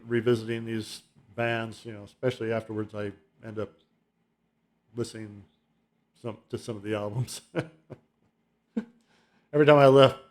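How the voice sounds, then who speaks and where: A man's voice: medium pitch, darkish tone. A middle-aged man hosting his own album-ranking video, talking in a loose, rambling way with fillers and chuckles. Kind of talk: casual rambling monologue.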